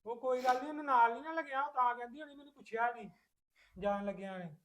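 A man playing a young husband who gently reassures his crying wife in a family drama. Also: very high voice, quick pace. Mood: soothing. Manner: soothing, reassuring. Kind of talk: amateur family drama acting.

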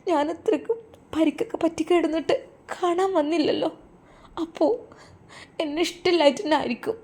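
A woman voicing a heartbroken young wife in a storybook tale, pleading and softly sobbing, with a Malappuram Malayalam accent. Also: high-pitched, a little slow, voice pushed up.

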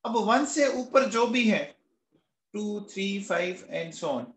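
A man's voice: high voice, lively intonation, takes it slowly, fairly bright tone, roomy sound, low-quality recording. A man teaching a chemistry class who coaxes his students with questions and then answers them himself, affectionately calling them kids. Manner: calls students "beta" and "bachche" affectionately. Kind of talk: classroom lecture.

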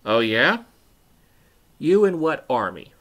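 A man reading a story aloud, voicing a mocking teenage girl who bullies others at school, a bit louder than his narration. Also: medium pitch, very animated, takes it slowly, exaggerated voice. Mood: sarcastic. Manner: mocking, louder when playing her.

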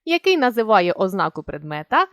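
Woman teaching grammar, lively clear voice. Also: mid-range voice, no room sound, studio quality. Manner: clear, deliberate teaching delivery with stressed examples. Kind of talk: Ukrainian grammar lesson.

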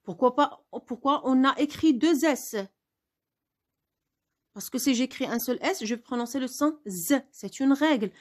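A woman's voice: sits high, measured pace, a little mellow. A woman teaching a spelling lesson, spelling words out letter by letter and asking questions she answers herself.

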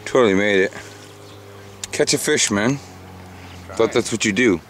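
A lower-voiced man jokes and swears freely while narrating his fishing trip to a camera mic. He talks from a small boat out on a marshy bay. Faint outdoor sound sits behind him. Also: measured pace, a bit bright, a little hiss or hum. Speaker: fishing vlogger. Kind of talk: casual outdoor chat with jokey commentary.

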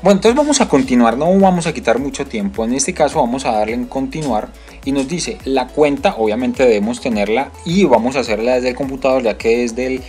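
Man, Colombian accent, tutorial host, mid-pitched voice, faint music underneath. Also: fairly quick, few pauses, darkish tone. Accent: Colombian Spanish. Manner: explanatory, many fillers and restarts. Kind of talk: screen-recorded tutorial walkthrough.

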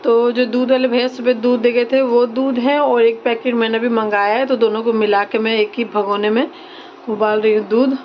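A woman in her thirties talks viewers through her kitchen and evening routine in a relaxed, chatty way. Her voice sits a little high. The phone audio is slightly dull and lo-fi. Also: normal speed, a little hiss or hum. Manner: chatty, explains household chores to viewers. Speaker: vlogger and mother. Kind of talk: casual home vlog narration.

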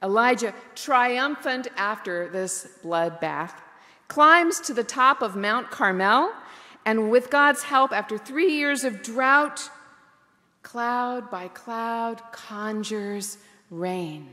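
Woman pastor, sermon, slow and deliberate, long church echo. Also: on the high side, expressive, bright, forceful tone. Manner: reflective, candid, slows for emphasis.

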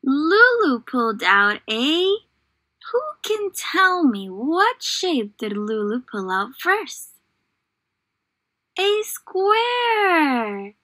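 A young woman speaks in a high-pitched, bright, forceful voice while leading a children's lesson and read-aloud in a small indoor room. She encourages the small children in an exaggerated, child-directed way and fills her talk with questions.

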